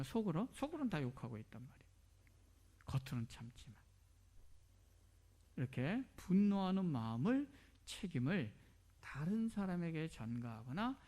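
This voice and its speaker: A man's voice: on the high side, a little mellow. A middle-aged man preaching a sermon as a pastor, asking rhetorical questions and dropping to near whispers.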